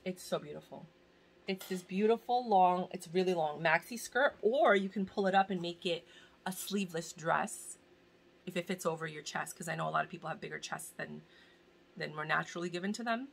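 A woman in her forties, a fashion vlogger, chats to camera about a giveaway, rambling and gushing over the items even though she's hurting. Her lowish voice is gravelly and slightly rough, and she speaks fairly quickly. She's filming indoors in a small room cluttered with bags and boxes, the camera at desk distance.

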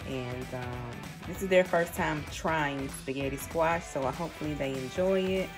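A woman's voice: low voice, moderate pace. A young mother vlogging casually in her home kitchen, chatty and playful, poking fun at herself while she talks to the phone camera. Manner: chatty, playful, self-mocking. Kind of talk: casual cooking vlog chat. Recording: pop music playing under the voice. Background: background pop music.

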